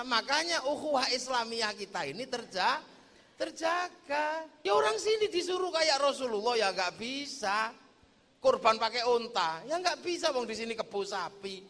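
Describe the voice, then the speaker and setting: A man's voice: very high-pitched, sharp tone. A man preaching a sermon, joking and telling stories, sometimes singing verses. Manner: joking, storytelling, mixes in sung verses. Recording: long hall reverb.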